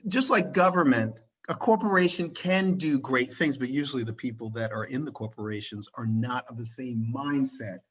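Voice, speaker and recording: A man's voice: mid-range voice, moderate pace, hardly any pauses, breathy edge, low-quality recording. A man hosting a casual conversational interview over a video call, rambling with many restarts and checking in with "right?". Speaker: interviewer and channel host. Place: at home in Switzerland, recorded over a video call.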